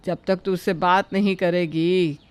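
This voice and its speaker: A woman's voice: lowish voice, fairly even intonation, measured pace, darkish tone, clear, resonant tone, no room sound, lightly acted. Woman voicing a blunt, outspoken old neighbor. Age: older. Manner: outspoken, advice-giving. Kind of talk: cartoon story voice acting.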